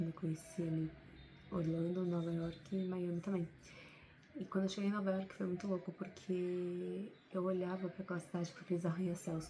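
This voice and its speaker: A woman's voice: lowish voice, dark tone, slight background noise, low-quality recording. A woman with a Brazilian Portuguese accent, talking to camera in an unscripted, heartfelt motivational vlog, often adding little tag questions. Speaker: vlogger.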